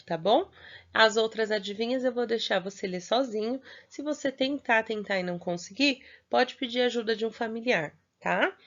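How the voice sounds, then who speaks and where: A Brazilian woman teacher explaining a lesson to young children, slow and patient, stretching key words and checking in often. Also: mid-range voice, dull audio. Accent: Brazilian Portuguese. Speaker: primary school teacher. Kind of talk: recorded remote class for young children.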